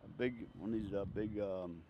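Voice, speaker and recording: An older man with a fairly low voice speaks at normal speed, chuckling through rambling anecdotes from his life with frequent laughs. He sits on a bench outdoors, interviewed with a handheld furry-windscreen mic held near his chest. The sound is slightly dull, with faint outdoor noise.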